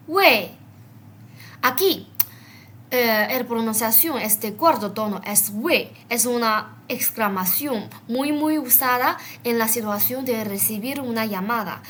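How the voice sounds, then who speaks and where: Slow woman teaching words, bright voice, bit of hiss behind. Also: fairly high pitch. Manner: explains word by word, repeats and stresses Chinese words. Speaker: Chinese language teacher. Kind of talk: slow vocabulary lesson.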